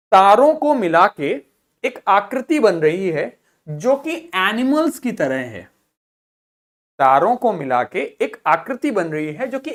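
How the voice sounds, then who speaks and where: Woman teacher drilling pronunciation slowly. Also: medium pitch. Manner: drills pronunciation by slow repetition; asks rhetorical check questions. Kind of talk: classroom vocabulary lesson.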